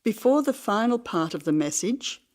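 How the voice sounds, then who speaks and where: A female test narrator with a mid-pitched voice. She reads scripted exam instructions formally and neutrally, enunciating every word clearly. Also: sing-song, normal speed, a little mellow.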